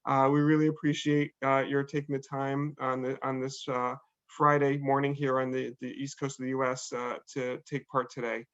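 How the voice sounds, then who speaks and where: A man hosting an online admissions panel, speaking haltingly with many fillers and restarts. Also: medium pitch, flat delivery, fairly bright tone, clear, resonant tone. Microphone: video call. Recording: dull lo-fi video call audio.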